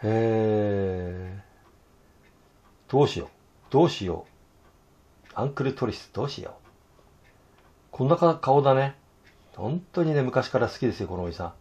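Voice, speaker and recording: Hoarse man murmuring through a drawing lesson. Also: lowish voice, lively intonation, darkish tone. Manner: talks to himself while drawing, halting, murmured asides. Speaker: illustrator teaching fountain pen drawing. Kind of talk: casual drawing tutorial.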